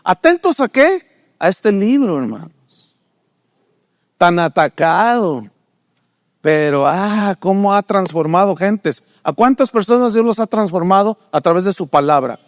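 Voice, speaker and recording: The older man here is a pastor giving a sermon a little slowly, in a dry, clean studio recording. He asks the congregation rhetorical questions and acts out the characters in his stories with raised pitch and animated delivery.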